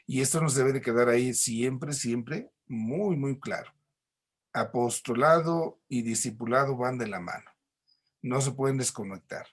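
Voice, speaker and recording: A man's voice: mid-range voice, unhurried, breathy edge. A man with a Mexican accent teaching a recorded church class, explaining patiently with homely examples and frequent tag questions.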